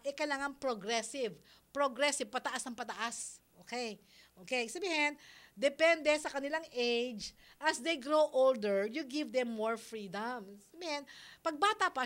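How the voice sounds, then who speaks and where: Middle-aged woman, radio advice host, slightly high voice, chatty and quick to laugh, studio mic. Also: expressive, a bit bright. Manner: chatty, mixes English phrases into Tagalog, laughs easily. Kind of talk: radio advice talk on parenting.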